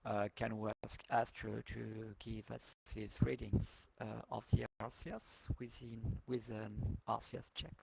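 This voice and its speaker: A man talking casually and technically as a flight controller in a simulation, halting as he thinks aloud. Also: fairly low pitch, steady tone, creaky, darkish tone, breathy edge, low-quality recording.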